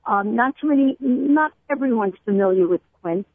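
A middle-aged woman from Brooklyn, a cookbook author explaining food customs at length with many pauses and fillers, calling in to a radio interview. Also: a little high, lively intonation, no room sound. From Brooklyn, USA. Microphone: telephone. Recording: tinny phone line, dry.

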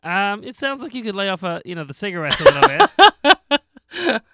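A man with a high, animated voice chips in as a radio co-host. He sounds bright and banters casually, with a teasing, joking manner. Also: fairly quick, creaky, no echo.

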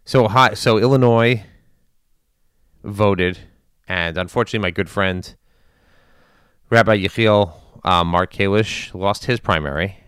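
A man giving informal news and community commentary in a measured, deliberate way with long pauses. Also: fairly low pitch, a bit bright, clean tone, no echo, studio quality. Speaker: commentator addressing his community.

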